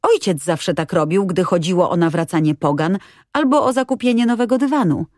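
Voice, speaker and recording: Kobieta grająca rozgadaną, radosną dziewczynkę. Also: female voice, lowish voice, a little fast, a little mellow, dry recording, studio quality, natural voice. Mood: eager. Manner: eager, breathless chatter. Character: cheerful chatty little girl.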